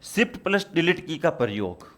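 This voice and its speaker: A man's voice: on the high side, big pitch swings, moderate pace, fairly bright tone. A man teaching a computer exam-prep class, explaining step by step and repeating key points to his students.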